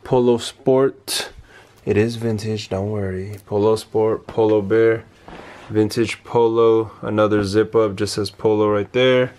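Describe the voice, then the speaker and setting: A young man in a casual thrift vlog, talking in relaxed slang about clothes he found. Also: lowish voice, measured pace. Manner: laid-back slangy chatter. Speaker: thrift vlogger.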